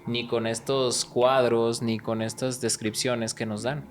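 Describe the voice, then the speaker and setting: A man on a podcast, retelling stories in an animated, slangy, casual way. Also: mid-range voice, a little slow. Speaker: podcast co-host. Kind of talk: casual chat, dramatic retelling.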